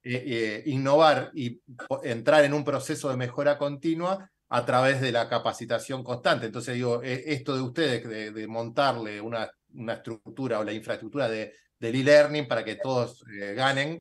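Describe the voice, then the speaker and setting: Interviewer: man, mid-pitched, chatty, hesitant delivery. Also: moderate pace. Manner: conversational, many fillers and restarts. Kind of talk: casual business interview.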